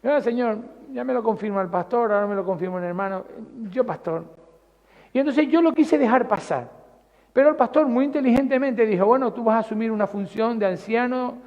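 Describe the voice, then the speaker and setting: High-voiced pastor preaching in a hall. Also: male voice, a little mellow. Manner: conversational preaching, rhetorical questions to the congregation. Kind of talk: sermon. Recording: dull recording with long hall reverb.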